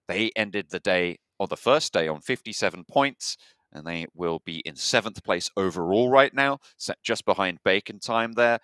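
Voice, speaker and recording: Male caster, lowish voice with a bright edge, steady stat-heavy commentary. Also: moderate pace, clear, resonant tone, no echo, clean studio sound. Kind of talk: esports commentary.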